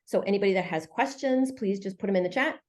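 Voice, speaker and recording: A woman's voice: medium pitch, fast talker. A woman hosting an online webinar in a chatty, friendly way, with many fillers. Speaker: webinar host.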